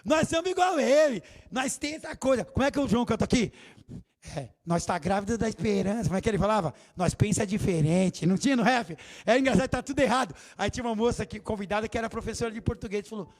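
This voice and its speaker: A man preaching a sermon as bishop in a church, lively and theatrical. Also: sits high, rapid-fire. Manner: animated, theatrical preaching with acted quotes.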